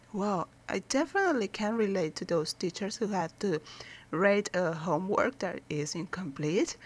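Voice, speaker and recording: A woman hosting a let's play, giving low-key, understated gaming commentary. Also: vocal fry, breathy edge.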